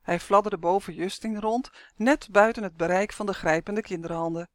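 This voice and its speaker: A woman's voice: mid-range voice, moderate pace, no echo, clean studio sound. Woman reading a children's story. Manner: lively expressive narration. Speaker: narrator.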